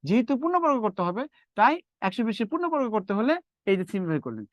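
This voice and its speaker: A man's voice: high voice, wildly swooping pitch, racing, no echo, muffled recording. A man teaching math in a live online lecture, repeating steps and quizzing his students as he works through sums.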